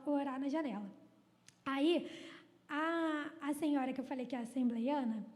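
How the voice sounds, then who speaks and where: A woman with a Brazilian accent giving a testimony in a church service, telling the story in a lively way. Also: high-pitched. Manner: lively storytelling, acting out quoted people. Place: church hall. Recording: echoey church hall.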